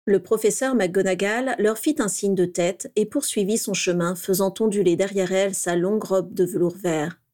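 A woman reading a story aloud with steady, expressive narration. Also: mid-range voice, moderate pace, hardly any pauses. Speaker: reader.

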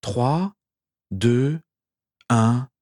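A man's voice: medium pitch, expressive, drawn-out words, a little mellow, voice pushed up. A man voicing a determined young male wizard who gives firm, authoritative orders. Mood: commanding.

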